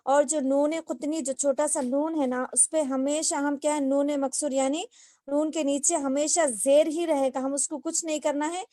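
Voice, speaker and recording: A high-pitched woman leads an online recitation lesson. Her tone is mellow and her delivery is patient, stepping through each rule and asking the class questions. The sound is dry and close, like a video call. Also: dry recording. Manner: patient, explains step by step with repeated questions. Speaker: Quran recitation teacher.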